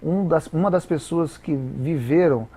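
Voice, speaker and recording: Halting, teacherly Brazilian man. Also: fairly high pitch, warm tone, slight background noise. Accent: Brazilian Portuguese. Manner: didactic, with many halting repeated words. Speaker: interview guest, English teacher. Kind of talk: explanatory interview talk.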